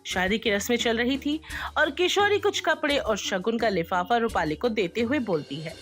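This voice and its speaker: A woman narrating an animated moral story in a scripted, expressive storyteller manner. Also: a little high, moderate pace, soft background music.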